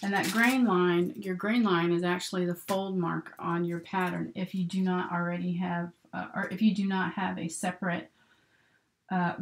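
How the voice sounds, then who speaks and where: A middle-aged woman with a slightly low, creaky voice hosts a casual how-to stream. She chats her way through each step as she works with her hands. The recording has faint noise, with paper rustling and clicks at her work table. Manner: chatty, talks herself through each step while working with her hands. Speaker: sewing instructor hosting a live stream. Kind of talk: casual hands-on tutorial talk. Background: paper rustling, clicks, steady noise.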